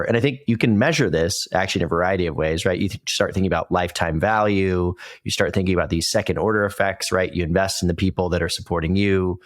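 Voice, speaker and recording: A man's voice: sits low, no echo, clean studio sound. A man hosting a podcast, reflecting aloud and agreeing with his guest. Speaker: podcast host. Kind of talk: casual interview talk.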